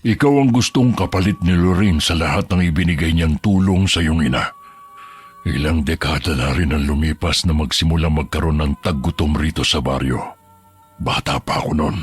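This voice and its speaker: A man voicing a grave husky village elder. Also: a bass voice, soft background music, heavily acted. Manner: slow, grave storytelling. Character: older village man, calm, grave, knowing. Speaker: character in a horror audio story.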